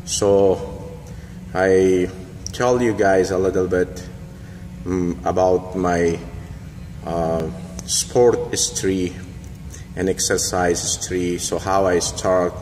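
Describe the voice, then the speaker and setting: A man from Afghanistan, a boxing coach, tells his life story to a phone camera held in a mirror selfie inside a large indoor gym, with long reverb and a faint hum behind him. His voice is deep and darkish, flat and slow with long pauses. This is casual storytelling to camera, hesitant and full of fillers and phrasing.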